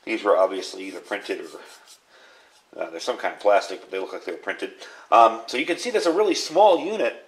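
Animated and a touch quick, a man with a fairly low-pitched voice gives an informal, unscripted product review. He's a radio reviewer, hands-on at an indoor workbench, and the recording carries clear background noise along with room ambience.

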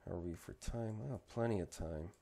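Into a desk microphone, a man who makes 3D modeling vlogs talks casually about his sculpt and mumbles asides to himself. He has a low-pitched, mellow voice and talks a little fast.

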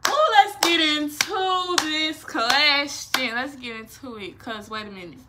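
Background noise accompanies a high-voiced young woman speaking at a measured pace. She's nineteen, hosting a casual, playful Q&A vlog in her small bedroom, animated and slangy, her hands gesturing expressively.

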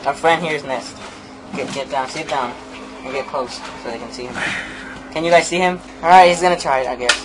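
A man's voice: a little high, brisk, noisy background. A young man hosting a giggly, casual challenge of eating gross jelly beans with friends on an outdoor porch. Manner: giggly, often breaking into laughter. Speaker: host of a friends' challenge video. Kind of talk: casual, excited group banter. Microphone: camera a short distance away.

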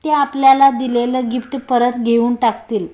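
Woman reading as cocky, teasing young man; high voice. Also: fairly even intonation, moderate pace, a little mellow, lightly acted. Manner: teasing, joking.

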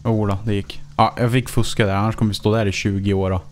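A man's voice: on the low side, flat delivery, a little mellow, slight background noise. A man giving casual let's play commentary as a gaming YouTuber, chatting to himself with frequent swearing and chuckles.

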